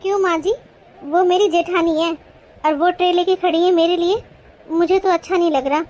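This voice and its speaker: Curious young bride in a cartoon, very high voice, polite and sweet; voice actor. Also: steady tone, normal speed, darkish tone, poor audio.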